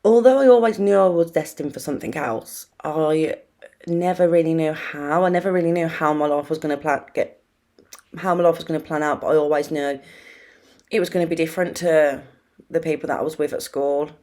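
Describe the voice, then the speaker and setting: A woman's voice: low-pitched, a little fast, mellow. A young British woman with a slightly wheezy voice, chatting casually and informally to viewers as the host of a self-help video. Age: young adult. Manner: informal, rambling and confiding.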